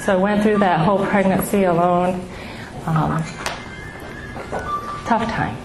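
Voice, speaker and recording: At a grief support gathering, a middle-aged woman tells an audience about her own loss, halting and heartfelt with many pauses. Her voice is soft and small, one she calls baby-like, and sits fairly low in pitch. Music plays under her in an echoey room with background noise.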